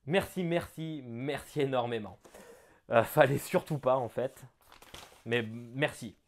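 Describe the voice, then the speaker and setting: A man doing casual unboxing commentary on a gift. He thinks aloud, talks chattily and breaks into bursts of excitement. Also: mid-range voice, slow. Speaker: board game unboxing vlogger.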